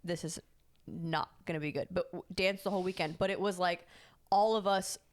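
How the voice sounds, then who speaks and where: A woman co-hosting a podcast chats casually, spinning a long, rambling story and correcting herself along the way. Her voice is lowish and steady, at a normal speed.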